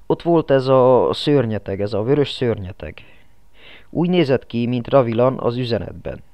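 A man's voice: medium pitch, expressive, dark tone, dry recording, lightly acted. A man voicing a grieving woman leader who speaks in a tearful, bitter way. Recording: dull lo-fi, dry.

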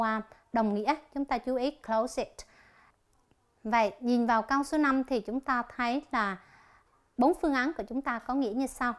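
A woman teaching an English lesson on television, slowly explaining each exercise and reading the answer options aloud. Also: a little high.

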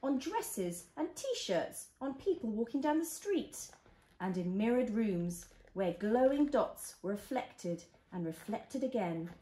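Very animated and warm, a mother's slow, high-leaning voice brings a storybook to life for her toddler. She explains things simply and asks little questions. It was recorded indoors in a small home living room with a roomy echo.

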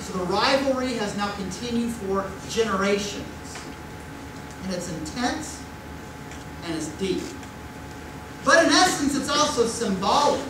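A man's voice: high voice, animated, measured pace, pauses often. A middle-aged man preaching a conversational sermon at a pulpit, with rhetorical questions and mock voices, recorded on a distant room mic in a church sanctuary. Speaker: pastor. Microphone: far room mic at a pulpit. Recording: echoey church from far off with noise.

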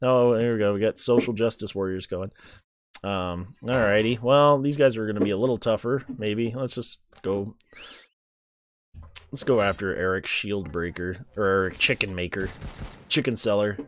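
A man with a fairly low voice, speaking at normal speed, chats casually through a let's-play on his gaming channel. He jokes around, reads the game dialogue aloud while laughing at it, and admits he isn't sure how the names are pronounced. A little hiss or hum is audible.

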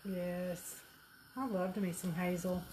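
A woman's voice: lowish voice, little pitch movement, slow pace, a little mellow, a little hiss or hum. An older woman with a Southern US accent, bantering and teasing while she films a home cooking session on a handheld camera in a kitchen. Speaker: cooking show co-host filming. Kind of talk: casual cooking chat.

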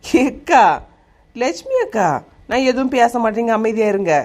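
A woman's voice: fairly high pitch, normal speed, darkish tone, close to an everyday voice. A woman voicing a playful young village woman with a Kanyakumari Tamil accent, who teases and pleads in a cartoon comedy. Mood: teasing. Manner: teasing, pleading. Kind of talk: animated comedy dialogue.

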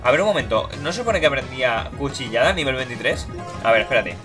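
With lively intonation and rapid speech, a young YouTuber chats playfully through his gameplay in a relaxed Let's Play. The soundtrack plays behind him as he mimics characters in silly, high tones.

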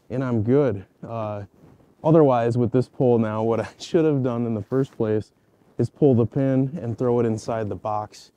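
A man's voice: medium pitch, mellow. A man in his thirties, outdoors on a frozen lake, chatty and enthusiastic as he shows off his gear, laughing between words. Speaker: ice-fishing video host. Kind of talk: casual gear walkthrough.

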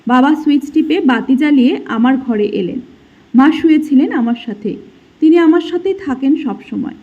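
A high-pitched woman narrates a heartbreaking first-person story in a soft, emotional, scripted way. Her colors the telling. The recording sounds slightly dull and muffled. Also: lively intonation, moderate pace.

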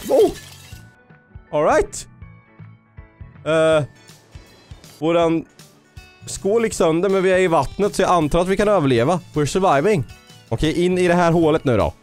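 A gaming YouTuber does let's-play commentary, cheering on and scolding his character while slipping English phrases into his speech. His voice is a little high and animated, with a darkish tone and long pauses. Faint game music plays in the background.

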